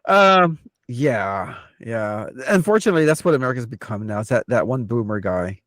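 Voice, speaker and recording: A man's voice: mid-range voice, animated, normal speed, fairly bright tone, no room sound, low-quality recording. A man co-hosting a podcast, mostly agreeing and adding short remarks, with some swearing. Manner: agreeable, chiming in with short replies. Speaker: podcast co-host. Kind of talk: casual chat.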